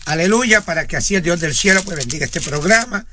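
Male radio preacher, fervent, high and bright tone. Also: lively intonation, fast. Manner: fervent, frequent interjections of praise. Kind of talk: radio sermon and prayer.

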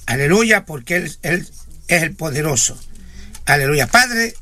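Male radio preacher, fervent, high and bright tone. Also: lively intonation, measured pace. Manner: fervent, frequent interjections of praise. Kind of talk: radio sermon and prayer.

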